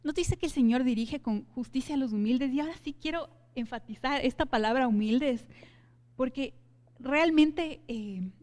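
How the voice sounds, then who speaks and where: A woman's voice: high-pitched, normal speed, a little mellow. A woman teaching a church Bible study, speaking earnestly and addressing her listeners directly. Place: church hall. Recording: long hall reverb.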